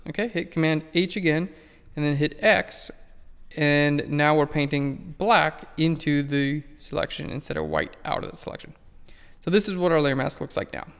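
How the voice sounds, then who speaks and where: A man's voice: a little high, animated, normal speed, vocal fry, fairly bright tone, smooth, in a large hall. A man walking through a photo-editing tutorial in a casual, rambling way that keeps correcting itself. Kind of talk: screen-recorded software tutorial.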